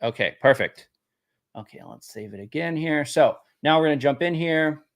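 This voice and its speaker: A man's voice: fairly high pitch, lively intonation, normal speed, gravelly. A man hosting a casual live demo, rambling, repeating words and laughing easily. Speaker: host demoing a game tool.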